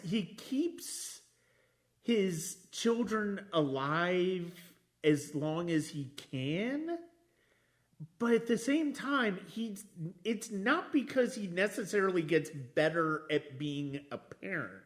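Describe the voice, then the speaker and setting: In a laid-back conversation about films, a male podcast host talks in a halting way, frequently doubling back to reword what he's said. His voice sits high.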